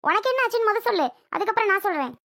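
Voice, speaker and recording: A voice actor doing a bossy sharp-tongued bride. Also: very high-pitched, animated, rapid-fire, dry recording, full character voice. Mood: scornful. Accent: Tirunelveli Tamil. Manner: taunting, bossy. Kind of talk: cartoon voice acting.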